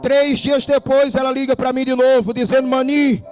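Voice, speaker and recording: High-voiced shouting Brazilian preacher. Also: male voice, little pitch movement, moderate pace, faint music behind. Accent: Brazilian Portuguese. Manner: dramatic storytelling, bursts into shouting. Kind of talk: Pentecostal sermon.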